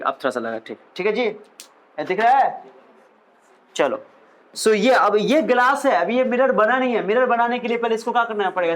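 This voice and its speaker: Young male physics teacher with a high voice, chatty, asks and answers his own questions. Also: a bit bright, poor audio. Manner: asks questions and answers them himself, mixes in English terms; chatty, jokey asides. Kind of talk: classroom lecture.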